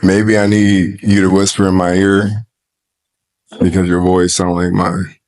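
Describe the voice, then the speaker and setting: A man's voice: sits low, level tone, measured pace, darkish tone. A man contestant on a dating show, talking hesitantly and chuckling between words. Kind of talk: casual chat.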